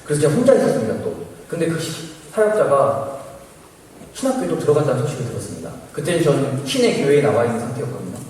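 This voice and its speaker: A young man tells his missionary testimony quickly, his pitch jumping about as he acts out what people said. He sounds far from the microphone, with a long echo filling the big church hall. Faint room noise sits underneath. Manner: animated storytelling, acting out quoted speech. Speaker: apprentice missionary giving testimony. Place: large church sanctuary.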